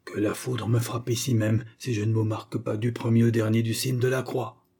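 A man voicing a boisterous old Cossack grandfather who shouts at card games with demons. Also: medium pitch, level tone, normal speed, husky. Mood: defiant. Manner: shouting, blustering.

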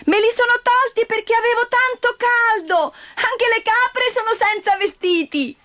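A woman voicing Heidi, an excited, chatty little girl who asks eager, breathless questions in a storybook reading. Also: very high-pitched, a little slow, no room sound, studio quality, pitched above the performer's own voice, full character voice.

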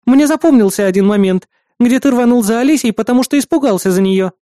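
A man's voice: very high-pitched, fast talker, dark tone, dry recording, studio quality, voice pushed up. A man voicing a bossy, jealous young woman in an audiobook, scolding and bickering. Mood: teasing. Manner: indignant, bickering. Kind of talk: audiobook character voice.

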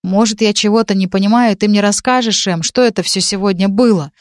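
A woman's voice: medium pitch, steady tone, fairly quick, dry recording, studio quality, natural voice. A woman reading the lines of a nervous, fretting young woman friend in a storybook. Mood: anxious.

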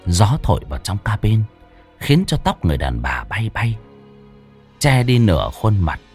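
A man narrating a horror story in a dramatic, expressive way. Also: on the low side, moderate pace, soft background music.

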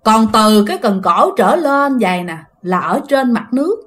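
A woman's voice: fairly high pitch, normal speed. A woman narrating a ghost story and talking directly to her listeners. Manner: animated, addresses listeners directly.

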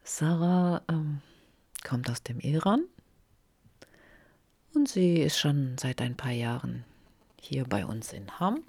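A woman hosts a radio interview, asking calm, gentle questions. She speaks slowly and unhurriedly in a very low, mellow voice. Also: slightly rough, no room sound.

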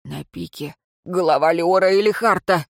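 A narrator voicing a frightened male wall guard who reports in hushed, gasping bursts. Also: mid-range voice, normal speed, creaky, no room sound, studio quality, lightly acted. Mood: shaken. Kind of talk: audiobook character voice.

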